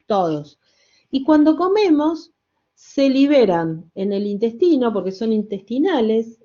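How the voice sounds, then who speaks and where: An older woman lecturing a class at an unhurried pace, pausing to correct herself and checking in with "¿no?". Her voice is mellow and dark. The recording is dull and lo-fi. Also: mid-range voice. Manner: explains step by step with rhetorical questions and wry asides; self-correcting, checks understanding with "¿sí?" and "¿no?". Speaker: university lecturer.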